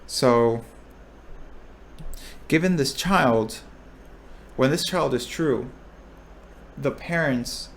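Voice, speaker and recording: A young male recitation instructor explains probability in a medium-pitched voice with vocal fry, drawing out his words and leaving long pauses. He thinks aloud, restarts himself, and checks in with the people listening.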